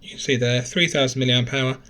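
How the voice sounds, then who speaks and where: A man's voice: medium pitch, fairly even intonation, brisk, pushed and bright. A man giving a casual, chatty phone teardown tutorial, thinking aloud and correcting himself as he goes, recorded on a camera mic at a desk indoors. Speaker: gadget reviewer.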